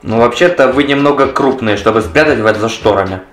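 A man's voice: medium pitch, a little fast, fairly bright tone. A young adult man speaking scripted comic dialogue. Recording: music under the voice.

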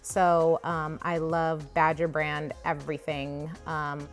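Slow and completely flat in delivery, a deep-voiced woman nonetheless gushes casually over products during her grocery haul vlog. She films on a handheld phone from behind the camera in the grocery store, where ambient sounds and soft music play behind her.

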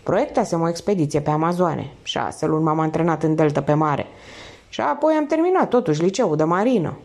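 A woman reading aloud and voicing a calm, earnest male teacher who speaks formally and carefully. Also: sits low.

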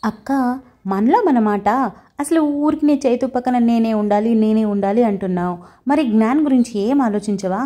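A woman's voice: on the high side, normal speed, warm tone, lightly acted. A woman voicing a kind young mother in an audio story, affectionate and teasing.

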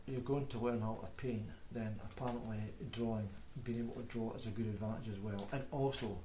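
A man's voice: lowish voice, steady tone, a little fast, mellow. A man in his forties with a broad Scottish accent, chatting casually in a rambling, hesitant, self-deprecating vlog. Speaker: beginner painter making video diary. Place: indoor room at a table. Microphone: microphone, off camera. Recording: roomy echo, background noise, clicks.

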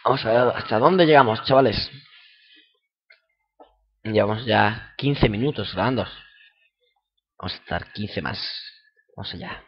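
A young man with a Spanish accent from Spain giving casual let's-play commentary, excitable and foul-mouthed, bursting into shouts. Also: lowish voice, a little slow, pauses often, slightly rough. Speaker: gameplay commentator. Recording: lo-fi dull home recording.

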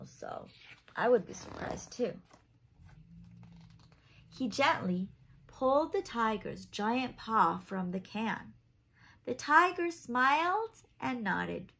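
In a small room at home, a woman in her thirties reads a picture book aloud expressively to young children, adding simple questions as asides. Her voice is fairly high, fairly bright, and slightly rough.

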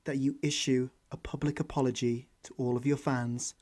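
A woman's voice: extremely low pitch, level tone, moderate pace, darkish tone, no room sound, clean studio sound. A woman hosting a podcast, chatting casually in a playful, teasing way. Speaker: podcast host. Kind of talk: casual chat.

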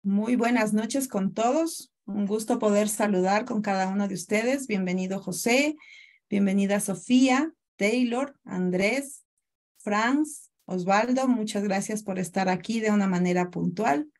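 A woman's voice: medium pitch, measured pace, a little mellow. Ecuadorian woman in her thirties, courteous webinar presenter on a video call mic. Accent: Ecuadorian Spanish. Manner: courteous, greets attendees by name, explanatory. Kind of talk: online presentation.

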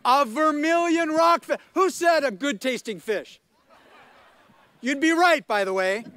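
High-voiced older man quizzing a crowd. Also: a bit bright. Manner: playful, quizzing the audience. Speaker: commencement speaker. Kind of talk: lively speech to a crowd. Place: outdoor stadium ceremony. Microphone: podium mic.

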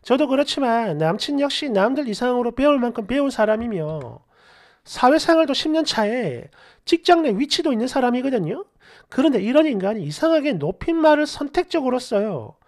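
A man hosting a story channel, reading online posts and comments aloud with animated, mocking commentary. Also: very high-pitched, a little fast.

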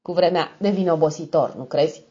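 A woman's voice: low-pitched, dark tone, husky. A woman voicing a smug, mocking young male blackmailer with an affected tone. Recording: dull lo-fi recording.

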